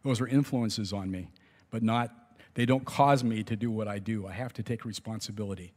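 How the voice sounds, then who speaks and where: A man's voice: lowish voice, brisk, a little mellow. A man preaching a sermon in a conversational way, with restarts and small laughs. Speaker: pastor. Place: church sanctuary. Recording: long hall reverb.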